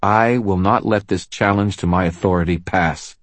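A man's voice: low-pitched, steady tone, moderate pace, no echo, voice pushed up, close to an everyday voice. A man voicing a tough woman police officer who speaks firmly and defiantly in an audiobook. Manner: firm, clipped, defiant. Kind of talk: audiobook character voice.

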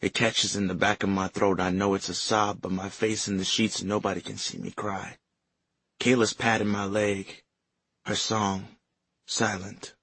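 A man narrating a novel in first person with a measured, lyrical reading, on a close mic. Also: on the low side, flat delivery, fairly bright tone, husky, no room sound. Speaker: audiobook narrator. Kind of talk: scripted narration.

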